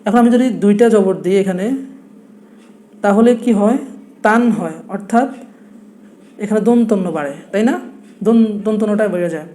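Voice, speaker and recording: Young guy with noakhali bengali accent teaching at a blackboard, warm dark voice, says everything twice. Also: sits high, normal speed, long pauses. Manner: patient, repeats points and asks rhetorical questions. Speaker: Quran teacher. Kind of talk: blackboard lesson.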